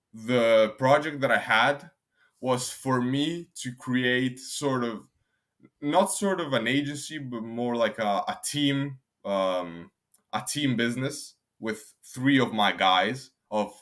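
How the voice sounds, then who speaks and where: A man's voice: medium pitch, bright, forceful tone. A young man from Albania, answering interview questions in a rambling, casual way with frequent restarts. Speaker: guest.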